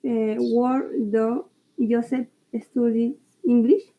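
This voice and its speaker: A woman's voice: fairly high pitch, flat delivery, very slow, phone-quality sound. A woman student answering in an online class, hesitant and careful.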